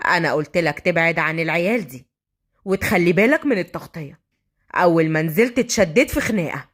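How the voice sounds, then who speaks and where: A woman's voice: on the low side, expressive, fast, voice pushed down. A stern older police general with an Egyptian accent, as a woman storyteller puts him on, his voice pushed well below hers. He speaks coldly and firmly, as if handing out orders. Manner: stern and cold.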